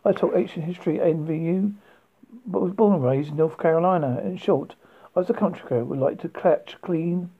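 An amateur reader narrating book extracts in a halting way, with frequent slips and restarts. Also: medium pitch, slightly rough. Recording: tinny phone-like sound.

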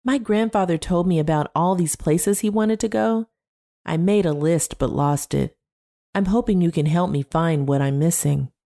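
Brief: eager young guy, forward and curious, higher pitch, a woman reading his lines. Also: normal speed, creaky, mellow.

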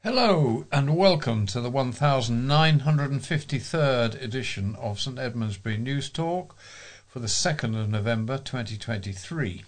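A man with a croaky, hoarse voice, reading local news in a formal, measured way as a volunteer reader. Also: medium pitch, lively intonation.

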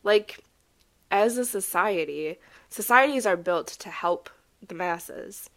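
Casting: woman, podcast co-host, casual, laughs easily, mid pitch. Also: lively intonation, slow, a bit bright. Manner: chatty, self-deprecating, laughs often. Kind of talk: casual chat.

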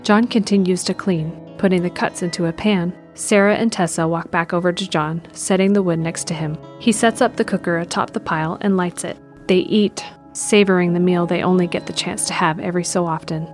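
A woman narrates a scripted audio drama in a fairly low, steady voice, measured and descriptive, with faint music behind her.

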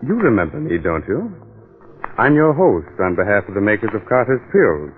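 A low-voiced, macabre host of an old radio horror show welcomes listeners with teasing, sinister politeness. The sound is muffled and vintage, with faint music. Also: male voice. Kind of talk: 1940s radio horror hosting.

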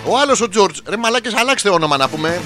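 A man's voice: high voice, expressive, over music. A man in his forties hosting a comedic radio show, rambling crudely through listener messages with sudden outbursts. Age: 40s. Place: radio studio.

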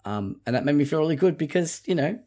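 A man's voice: a little high, expressive, quick pace, warm tone. A man co-hosting a casual video game podcast, talking in a loose, rambling way with many restarts. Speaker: podcast co-host. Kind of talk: casual chat.

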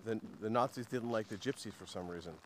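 A man's voice: fairly low pitch, fast talker, slight background noise. A man hosting a casual podcast chat, sarcastic and joking, with many fillers. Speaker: podcast host.

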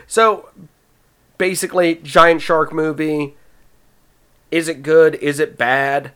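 A man hosting a casual movie podcast, summarizing the plot with quick, stumbling restarts. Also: on the high side, steady tone, fairly bright tone, smooth. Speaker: podcast host presenting the movie.

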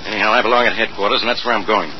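A man's voice: lowish voice, steady tone, very fast, lightly acted. A man playing a sarcastic, suspicious police inspector who badgers his suspect in a 1940s radio crime drama. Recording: dull, noisy old radio recording.

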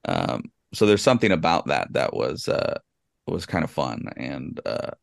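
A man with a very low, gravelly voice, chatting casually on a podcast. His talk rambles and restarts often, full of fillers. The sound is dry and close. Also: very animated, moderate pace, no room sound. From California. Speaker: podcast co-host. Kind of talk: casual chat.

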